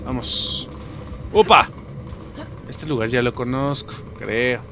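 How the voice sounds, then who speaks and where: A young man with a Mexican accent, giving loud, profane let's-play commentary and shouting at enemies. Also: medium pitch, slow, muffled recording, background noise. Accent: Mexican Spanish. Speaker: gaming YouTuber. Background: game music.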